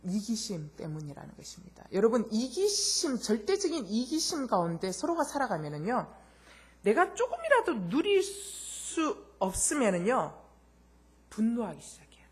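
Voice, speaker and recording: Husky-voiced woman pastor preaching. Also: fairly high pitch, huge pitch swings, moderate pace. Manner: addresses the congregation directly with rhetorical questions; tells anecdotes, acting out the voices. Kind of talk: sermon.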